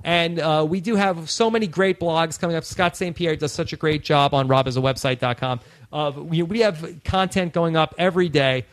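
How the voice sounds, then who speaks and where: A man's voice: on the high side, moderate pace, no echo. A man hosting a podcast in a casual, rambling way with lots of fillers. His voice is tired and he is close to losing it. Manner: rambling, many "uh" fillers and restarts. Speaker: podcast host.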